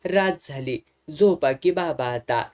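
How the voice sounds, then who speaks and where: A man's voice: on the high side, takes it slowly, darkish tone. A man voicing a talkative, easygoing village man who speaks in homely rural dialect in a storybook tale. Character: chatty rustic male villager, easygoing.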